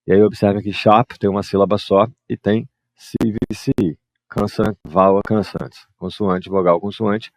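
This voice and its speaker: A man, teaching English grammar and patiently explaining exercises, reading the English examples slowly. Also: low-pitched, darkish tone, no echo. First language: Portuguese.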